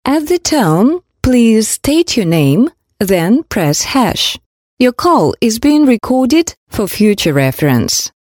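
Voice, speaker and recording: A woman delivers scripted phone system announcements in a polite customer service voice. Her tone is mellow and relaxed, with lively melodic swings in pitch. The recording is close and dry. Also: slow pace, no echo.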